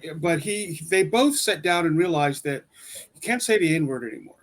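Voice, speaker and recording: This is a man with a fairly high voice, cutting into a casual podcast discussion with emphatic comments. He adds quick, pointed remarks to his co-host's points. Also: animated. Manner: jumps in with emphatic interjections. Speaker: podcast co-host.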